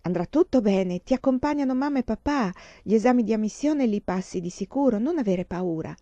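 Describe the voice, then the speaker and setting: A woman reading the lines of a thoughtful fifteen-year-old girl describing a sunset to her sister, calmly. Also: on the high side, fairly quick, dry recording, lightly acted. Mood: tender. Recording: dull lo-fi dry recording.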